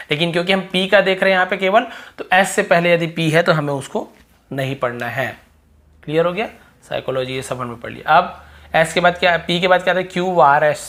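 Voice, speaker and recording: Male teacher with a Hindi accent, patient drilling delivery, repeats example words slowly. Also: high voice, fairly bright tone. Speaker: English pronunciation teacher. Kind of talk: explaining silent-letter rules.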